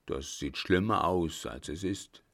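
A man playing a calm, wounded young soldier. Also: low voice, unhurried. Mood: reassuring. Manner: calm, soothing.

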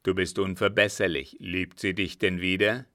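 A man's voice: sits low, flat delivery, normal speed, bright, forceful tone, dry recording, studio quality. A man voicing a selfish, scheming old man who mocks and bargains in a sardonic, calculating way.

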